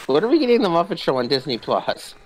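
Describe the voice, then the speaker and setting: A man with a fairly high-pitched, very animated voice talks at a quick pace while playing a co-op video game. He chats casually and jokes with a friend as the game noise and ambience carry on in the background.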